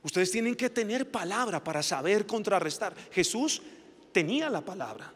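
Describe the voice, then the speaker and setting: A male pastor preaching a sermon with passion, his voice climbing to shouts at its peaks. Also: sits high, lively intonation, normal speed, slightly rough. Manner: impassioned preaching, rising to shouts. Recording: reverberant hall.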